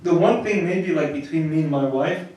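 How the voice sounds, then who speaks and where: Heard from well off the mic, an American priest gives a conversational marriage lecture at a moderate pace, his fairly high voice a little mellow. He keeps restarting and repeating words, while the very echoey room sends his voice bouncing around.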